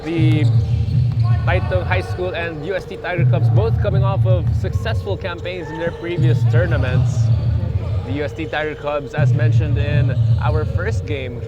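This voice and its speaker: A man's voice: a little high, steady tone, normal speed, highs cut off. A man doing live play-by-play commentary on a basketball game. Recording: thin band-limited sound, loud background music.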